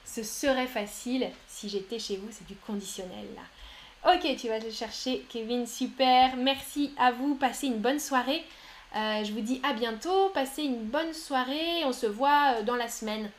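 A woman teaching French on a live stream, reading out viewers' chat answers and praising them warmly. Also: on the high side, measured pace, slight background noise. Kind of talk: live-streamed language lesson.

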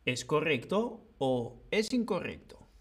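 A man's voice: on the high side, very animated, slow pace, slightly rough. A man teaching a live-streamed grammar lesson, patient and playful, talking to his chat. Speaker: Spanish teacher.

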